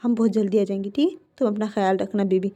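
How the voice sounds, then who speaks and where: A woman voicing a calm, affectionate young man who reassures and teases. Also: mid-range voice, quick pace, natural voice. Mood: calm, reassuring.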